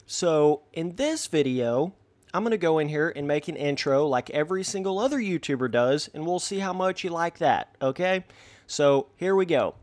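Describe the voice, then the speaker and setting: A man's voice: on the high side, expressive, normal speed, a little mellow, no room sound. A young man talking straight to his viewers in a brash, slangy way while he comments on a game. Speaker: gaming YouTuber. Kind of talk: casual gameplay commentary.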